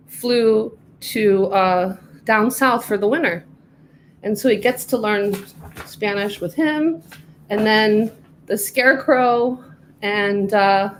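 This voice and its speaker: A middle-aged woman reading her own storybook aloud with clear, careful narration. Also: mid-range voice, slight background noise, poor audio. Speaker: author reading her book.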